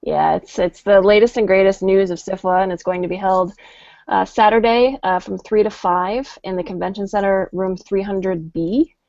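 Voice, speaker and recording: A woman's voice: mid-range voice, moderate pace, gravelly, a little mellow, no room sound. A woman talking casually as a panel guest, giving information with some fillers. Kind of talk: casual chat. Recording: dry, dull lo-fi audio.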